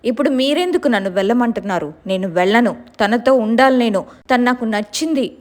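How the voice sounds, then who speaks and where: A woman's voice: a little high, a little fast, lightly acted. A woman voicing the stubborn ghost of a young woman in a told story, defiant and pleading.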